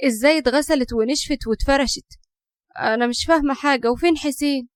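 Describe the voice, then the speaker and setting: A woman's voice: high voice, fast, dry recording, clean studio sound, voice pushed up, close to an everyday voice. A woman voicing a frightened young Egyptian woman haunted by spirits, in an audio horror story. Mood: confused.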